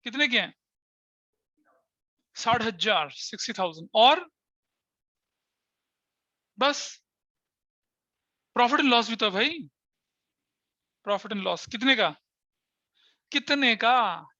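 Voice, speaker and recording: A man's voice: very high voice, lively intonation, slow, pauses often, pushed and bright, no room sound, muffled recording. A middle-aged man teaching an accountancy class, talking straight to his students, mixing Hindi and English terms, joking and scolding by turns. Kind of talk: online class lecture.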